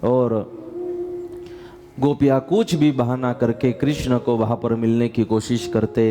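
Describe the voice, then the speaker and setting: A man delivers a devotional story sermon at an unhurried pace, dramatic in tone, often climbing to fervent high calls and sometimes sliding into song. Instrumental music plays clearly behind him. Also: fairly even intonation. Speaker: katha preacher.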